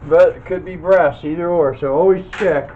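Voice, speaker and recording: The audio is dull and lo-fi, carrying faint noise and clicks. Over it, a fairly high-pitched man talks at normal speed as a video host, casually demonstrating a scrap metal teardown by hand and thinking aloud in a folksy manner.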